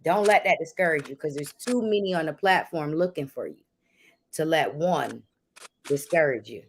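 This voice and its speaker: A woman co-hosts a livestream with casual, motivational talk. Her voice is a bit low for a woman. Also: moderate pace, a little hiss or hum. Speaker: livestream co-host, content creator.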